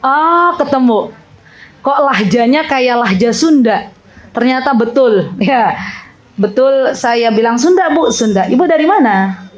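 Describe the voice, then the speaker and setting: A middle-aged woman with a lilt leads a religious class for women. Her voice sits high, and she keeps it lively, teasing and full of laughter as she questions the crowd. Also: unhurried, poor audio. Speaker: female religious teacher. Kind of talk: interactive religious talk with audience.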